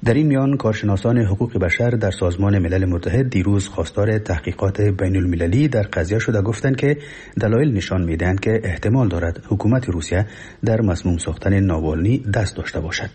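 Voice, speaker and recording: A man's voice: lowish voice, warm tone, slightly rough. A man with an Afghan Dari accent reading a scripted radio news report in a solemn, formal manner. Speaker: newsreader.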